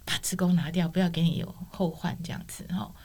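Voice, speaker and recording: A woman's voice: on the low side, brisk. A middle-aged woman, telling her personal testimony as a guest and acting out the dialogue she quotes. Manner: expressive storyteller, acts out quoted dialogue.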